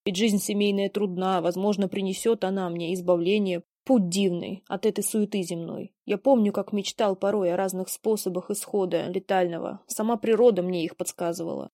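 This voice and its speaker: A woman's voice: mid-range voice, steady tone, normal speed, hardly any pauses, dark tone, dry recording, studio quality, natural voice. A woman playing a melancholy, world-weary young son, declaiming mournful rhymed verse in a theatrical reading. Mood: brooding. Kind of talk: dramatic verse play reading.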